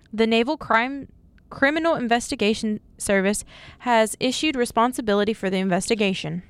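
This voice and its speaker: A woman co-anchoring a student radio newscast, reading stories briskly and now and then restarting a stumbled word. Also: on the high side, clear, resonant tone, no room sound. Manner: brisk news reading with occasional slips and restarts. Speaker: news anchor.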